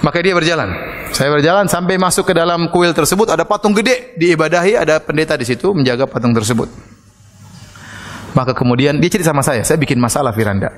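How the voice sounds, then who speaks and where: A man preaching a sermon in a casual, conversational way, telling stories and acting out the dialogue loudly. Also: on the high side, quick pace, big-room sound, slight background noise. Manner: animated, acts out quoted dialogue with loud shouts. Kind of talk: sermon with storytelling.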